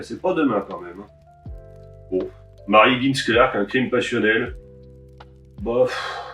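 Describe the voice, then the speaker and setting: A man's voice: medium pitch, a bit bright, echoey room, distant mic. A man chatting casually while sorting through a pile of DVDs, wry and grumbling, swearing offhandedly. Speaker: DVD collector vlogger.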